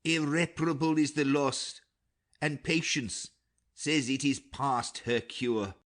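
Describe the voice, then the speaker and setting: A man's voice: a little high, takes it slowly, fairly bright tone. A man playing a grieving, earnest old king in a dramatic Shakespeare audiobook, with a theatrical, declamatory delivery.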